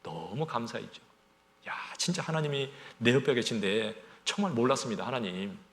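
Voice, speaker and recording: A man preaches a Sunday sermon with a lively, rising and falling voice. He keeps putting rhetorical questions to his congregation. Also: mid-range voice, normal speed. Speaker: pastor.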